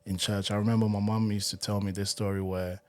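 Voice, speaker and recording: Laid-back low-voiced man from Ghana. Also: flat delivery, fast talker, a little mellow. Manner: laid-back, storytelling, laughs often. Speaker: podcast guest, singer and worship leader. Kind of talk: casual interview chat.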